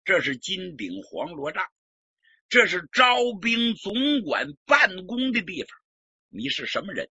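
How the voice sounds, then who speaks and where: Guy doing a loud bossy prince, shouty and mocking, husky bright voice, lo-fi sound. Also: high voice, sing-song, unhurried, no room sound, pitched above the performer's own voice, exaggerated voice. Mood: haughty. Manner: bellowing, imperious, mocking. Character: arrogant hot-tempered young male prince commander. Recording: dull lo-fi recording.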